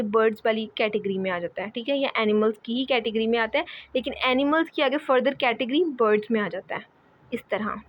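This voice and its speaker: A woman giving a lecture as a teacher, often checking in with "okay" and pausing with fillers. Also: fairly high pitch. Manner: repeats "ठीक है", hesitant fillers. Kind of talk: explaining lecture. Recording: dull lo-fi audio.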